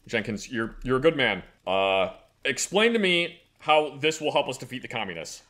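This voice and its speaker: A man playing a weary, skeptical boss in a comic sock puppet skit, halting and deadpan. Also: mid-range voice, natural voice. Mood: unimpressed, patient.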